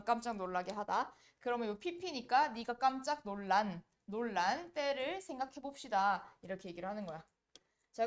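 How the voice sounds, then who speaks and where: Brisk Korean woman teaching English grammar. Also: a little high. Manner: brisk, quizzing students with rhetorical questions. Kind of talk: exam-prep grammar lecture.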